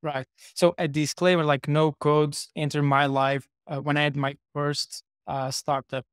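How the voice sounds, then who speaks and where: A man's voice: a little high, little pitch movement, a little slow, smooth, no echo, clean studio sound. A man in his thirties from Portugal, a startup co-founder, chatting as a podcast guest with many fillers and restarts. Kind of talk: casual interview talk.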